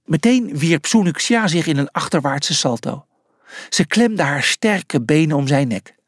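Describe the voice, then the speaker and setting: A man narrating a children's audiobook chapter, slow and deliberate. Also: on the high side, expressive, dry recording, clean studio sound.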